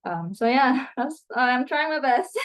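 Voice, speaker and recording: Speaking slowly in a high, animated voice, a young Thai woman answers interview questions as a student guest. She chats freely, with plenty of fillers and restarts.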